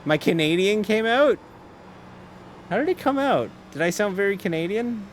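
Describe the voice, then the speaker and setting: With a little hiss or hum in the audio, a man with a high-pitched, lively voice chats on his sim-racing stream. He rambles between driving calls, keeps cutting himself off to restart sentences, and laughs easily.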